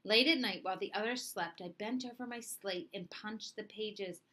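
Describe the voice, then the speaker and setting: A woman narrates a children's story expressively in a mid-range voice at a normal speed.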